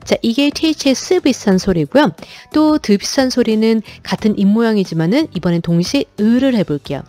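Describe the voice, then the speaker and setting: A woman gives a video lesson on English pronunciation, her pitch rising and falling with animation. She slows down to repeat example words one by one. Soft music plays faintly behind her. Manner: lively, demonstrates English words slowly and repeatedly.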